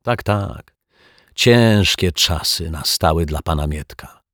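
A man reading a children's story aloud with steady, gently expressive narration. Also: sits low, slow, dry recording, clean studio sound.

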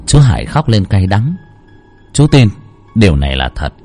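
A man's voice: on the low side, sing-song, normal speed. A man reading a scripted horror story aloud with dramatic expression. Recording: faint background music. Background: soft music.

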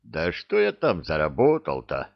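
Man playing a cheeky smooth-talking adventurer. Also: extremely low pitch, wildly swooping pitch, unhurried, dry recording, lo-fi sound, exaggerated voice. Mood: glib. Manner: glib, wheedling.

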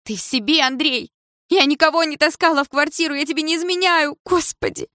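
A woman's voice: high voice, fairly quick, pushed and bright, dry recording, clean studio sound, voice pushed up. A woman voicing a frightened, hysterical middle-aged mother who shrieks back in a fight. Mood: hysterical shouting.

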